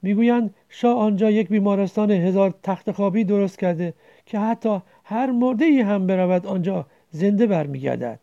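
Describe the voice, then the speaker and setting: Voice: mid-range voice, gravelly, mellow, lightly acted. A reader voicing a sick, poor village man near death, weary and short of breath, in a slightly dull lo-fi recording.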